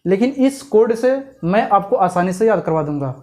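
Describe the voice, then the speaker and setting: A man's voice: high voice, lively intonation, normal speed, darkish tone. Hindi teacher man asking rhetorical questions. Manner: repeats "clear?" and asks rhetorical questions. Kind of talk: explaining a memory trick lesson.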